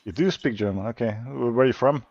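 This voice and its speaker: A man from Slovakia, speaking English as an in casual chat, halting and searching for words. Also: medium pitch, a little mellow, dry recording. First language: Hungarian. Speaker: lockpicking livestream guest. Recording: dull lo-fi stream audio.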